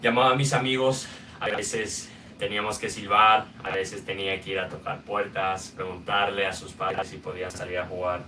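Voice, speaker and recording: A young Guatemalan man tells his own story as a podcast host, loose and unhurried, dropping in small filler sounds. His voice sits fairly low but has a bright, forward edge, and his pitch barely moves. He sounds a little away from the mic, with a faint hum of room noise behind him. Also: little pitch movement, distant mic. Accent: Guatemalan Spanish. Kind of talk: personal storytelling monologue.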